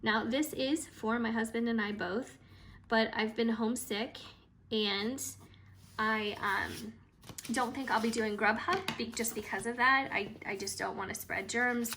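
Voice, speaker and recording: A woman vlogger talking casually through her cash budget, a bit hoarse and chatty, with frequent hesitations. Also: on the high side, steady tone, a little slow, sharp tone, slight background noise. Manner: chatty and hesitant, with frequent ums and trailing asides.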